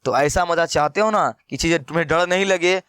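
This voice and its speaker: A man's voice: on the high side, brisk, fairly bright tone, clear, resonant tone, no room sound, clean studio sound. A man teaching a math lesson in a playful, teasing way, talking straight to his students. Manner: teasing, acts out students' replies, addresses viewers as brother. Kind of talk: playful classroom lecture.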